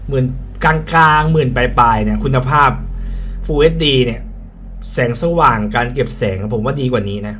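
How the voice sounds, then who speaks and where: A man's voice: medium pitch, normal speed, fairly bright tone. A man speaking through a face mask, slightly muffled, giving a frank, casual product review and often repeating his points. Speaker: tech reviewer. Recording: clear background ambient noise.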